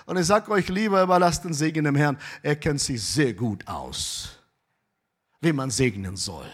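A pastor preaching a sermon, moving between loud, emphatic exclamations and quiet asides. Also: male voice, a little high, expressive, measured pace.

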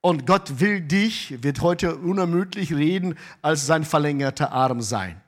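A pastor preaching a sermon, moving between loud, emphatic exclamations and quiet asides. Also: male voice, fairly high pitch, animated, a little slow.

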